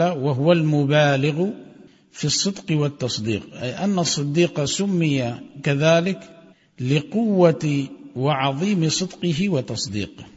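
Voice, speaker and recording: Man, religious lesson, slightly high voice, measured explanation, chanted quotes, long hall reverb, muffled sound. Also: a little mellow, husky. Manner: measured, recites quoted passages with melodic chanting. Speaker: religious teacher. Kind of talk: reading and explaining a religious text.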